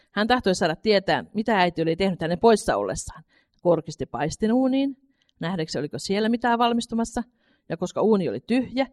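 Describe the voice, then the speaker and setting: A woman reading a children's story aloud, unpolished, stumbling now and then and correcting herself. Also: low voice. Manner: unpolished reading with slips and restarts.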